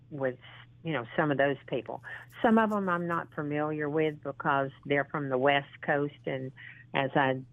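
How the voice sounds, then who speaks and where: A woman in her sixties, a model and actress, is a guest on a casual phone interview, sounding earnest and encouraging. Her rumbling low voice has vocal fry and halts often with ums and restarts, coming through a tinny phone line with no room sound.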